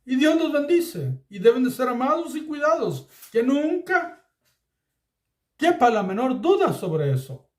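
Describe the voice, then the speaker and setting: A man with a high voice teaches scripture at an unhurried pace. He talks earnestly and warmly addresses his listeners as beloved. His voice rings in a roomy, echoey space. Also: big pitch swings. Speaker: Bible teacher. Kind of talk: Bible study sermon.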